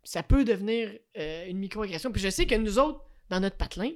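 A young woman with a Québécois accent chatting casually, often restarting and filling pauses. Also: mid-range voice, lively intonation. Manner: hesitant, many restarts and fillers. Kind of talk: casual chat.

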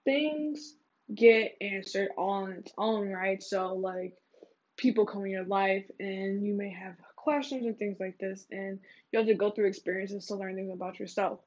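Give me a woman with a husky voice doing a candid, slangy solo chat in an echoing bathroom, slightly muffled on an earbud mic. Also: mid-range voice, moderate pace, darkish tone. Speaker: host. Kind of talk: casual confessional monologue to listeners. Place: small echoing bathroom, indoors. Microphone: earbud microphone.

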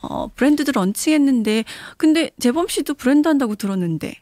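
A woman with a fairly high voice talks casually as an interview guest. She moves between Korean and English in one conversation. The sound is dry, with hardly any room in it. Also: lively intonation, brisk, dark tone, dry recording. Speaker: radio show guest. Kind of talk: casual bilingual interview chat.

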